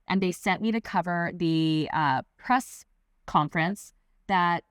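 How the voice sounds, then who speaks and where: A middle-aged woman, a guest correspondent, telling animated anecdotes in an interview and acting out quotes. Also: on the low side, slow pace, clear, resonant tone, dry recording, studio quality. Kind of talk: storytelling interview chat.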